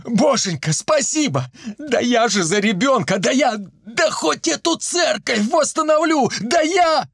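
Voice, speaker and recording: A man voicing an overjoyed young man who shouts in an excited, breathy half-whisper. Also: on the high side, takes it slowly, dry recording, clean studio sound, full character voice.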